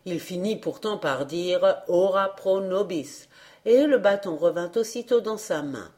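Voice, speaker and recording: Slow, calm woman reading a folk tale. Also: lowish voice. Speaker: audiobook reader. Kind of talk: scripted narration of a folk tale.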